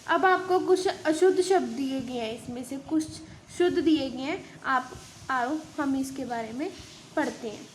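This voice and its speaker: Woman teacher with a Hindi accent and a high voice, patient step-by-step explainer, faint noise behind. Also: a little slow. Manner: explains step by step, asks and answers her own questions. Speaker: school teacher. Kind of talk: online class lesson.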